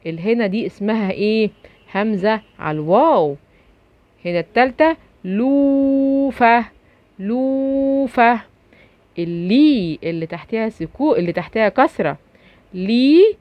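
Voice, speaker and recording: A woman's voice: mid-range voice, lively intonation, no echo. Egyptian-accented woman teaching young kids letter sounds, stretching and repeating each syllable; dry, lo-fi sound. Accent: Egyptian Arabic. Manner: slow drawn-out syllable drilling with repetition. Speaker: primary school teacher. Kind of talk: children's phonics lesson. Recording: dry, slightly dull lo-fi recording.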